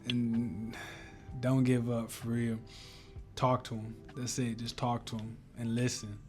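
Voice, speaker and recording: A man talks straight to his viewers in a loose, earnest ramble, his voice worn a little hoarse. He speaks at a middling pitch for a man, coming back again and again to easy fillers. Soft music sits faintly underneath. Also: little pitch movement, slow pace. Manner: earnest, rambling, full of "you know" and "bro". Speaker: vlogger. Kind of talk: casual heartfelt talk to camera.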